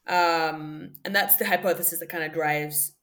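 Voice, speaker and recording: Young adult woman from Australia, low-pitched, reflective podcast guest, hesitant restarts. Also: fairly even intonation, normal speed, a bit bright. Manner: thoughtful, frequent ums and restarts, light laughter. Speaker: podcast guest, former sprinter. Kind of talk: reflective conversational interview.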